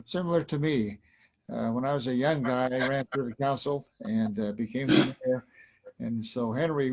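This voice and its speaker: A man's voice: mid-range voice, low-quality recording. A man moderating a panel, introducing the next speaker casually with lots of fillers.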